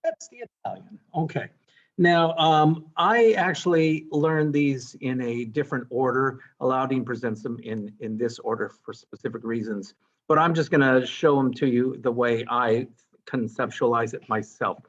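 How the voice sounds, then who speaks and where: A man's voice: mid-range voice, moderate pace. A male music teacher giving a classroom lecture, explaining as he goes with fillers and self-corrections. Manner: explanatory, thinking aloud with fillers and asides. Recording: dull lo-fi sound with loud guitar and instrument music.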